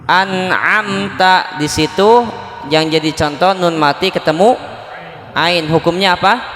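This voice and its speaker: A man's voice: fairly high pitch, steady tone, moderate pace, fairly bright tone. A man teaching Quran recitation to a neighborhood study group, explaining patiently and asking the class questions. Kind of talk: religious lesson. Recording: echoey hall with faint music.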